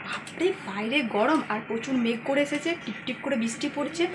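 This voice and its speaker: A woman in her thirties with a high voice records a home vlog, talking chattily and directly to her viewers at a moderate pace. There's noise in the background.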